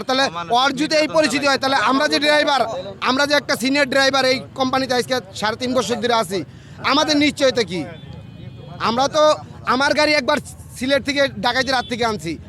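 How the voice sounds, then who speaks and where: Man, senior driver, very high voice, bright sharp tone, indignant, rhetorical questions, outdoors. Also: a little fast. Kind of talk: protest statement to reporters.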